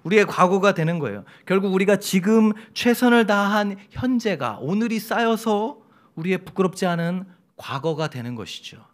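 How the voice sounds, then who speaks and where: A middle-aged man delivers a Sunday sermon in a church sanctuary, his voice sitting slightly high. He keeps it lively and humorous, slipping into acted-out quoted voices as he tells the story. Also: normal speed. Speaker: pastor.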